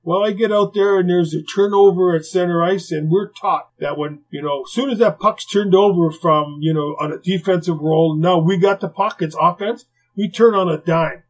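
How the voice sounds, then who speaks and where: Older man, retired hockey player, interview storytelling, chatty asides, slightly high voice. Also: moderate pace, rough recording. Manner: lively, conversational, heavy on "you know" asides, acts out quotes.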